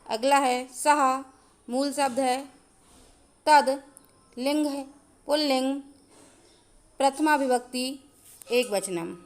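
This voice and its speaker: A woman teacher going through Sanskrit grammar answers, dictating them slowly and methodically. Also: high-pitched. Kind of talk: explaining a grammar lesson.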